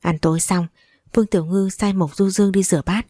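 A woman's voice: medium pitch, fairly even intonation, a little fast, mellow, no room sound, studio quality. A woman narrating a novel as an audiobook, reading steadily and evenly.

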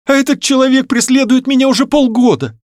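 A man reading an audiobook, voicing a frightened, tearful young noblewoman in a high pleading voice. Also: a little fast, darkish tone, no room sound, studio quality. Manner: high pleading voice, near tears.

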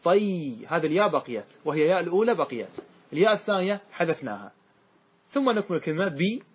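Middle-aged guy teaching grammar, husky voice, keeps asking the class questions, stretches out words. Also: fairly high pitch, sing-song, rapid-fire. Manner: questioning, repeats and drawls out example words. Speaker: religious scholar teaching grammar. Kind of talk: classroom lesson with questions to students.

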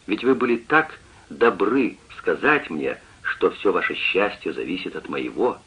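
A tender young daughter begs and implores, as a male reader puts her on in a raised, lively voice that is a little husky. The radio-play audiobook sounds dull and lo-fi. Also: sits low, unhurried, full character voice. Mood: pleading. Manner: imploring, tender, tearful pleading. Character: young woman, a pleading loving daughter.

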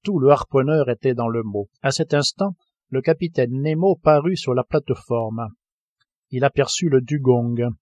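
A man reading a classic novel aloud as an audiobook narrator, in a steady, even voice. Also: medium pitch, normal speed, no room sound. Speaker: audiobook reader. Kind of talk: scripted narration.

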